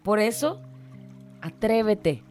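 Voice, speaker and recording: A woman's voice: mid-range voice, sing-song, slow, a little mellow, soft background music. A woman hosting a show and telling a moral reflection story in an earnest, dramatic way. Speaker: radio host.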